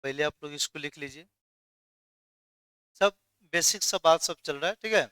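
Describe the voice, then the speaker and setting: High, bright male teacher. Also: normal speed, smooth, no room sound. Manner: quizzes students, then answers his own questions. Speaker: chemistry teacher. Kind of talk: classroom lecture.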